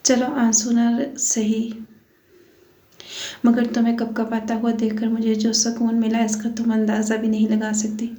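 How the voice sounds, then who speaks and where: A cruel, taunting young husband, read by a woman in a higher, mellow, very flat voice. He mocks with false tenderness. The room around the reading sounds echoey. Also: unhurried, natural voice.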